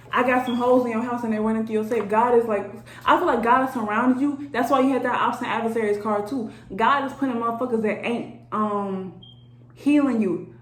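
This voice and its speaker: A woman giving a casual tarot reading to her viewers, blunt, profane and chatty as she talks straight at them. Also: on the high side. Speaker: energy reader. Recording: roomy echo, faint background noise.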